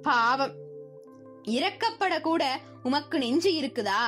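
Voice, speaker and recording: A woman's voice: high-pitched, expressive, takes it slowly, fairly bright tone, faint music behind, full character voice. A woman reading the lines of a scheming middle-aged male circus owner in a children's story, with a mocking, taunting manner.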